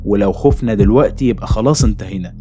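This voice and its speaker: A man's voice: fairly low pitch, racing, music in the background, natural voice. A man with an Egyptian Arabic accent voicing a brave young man in a horror story, firm and determined.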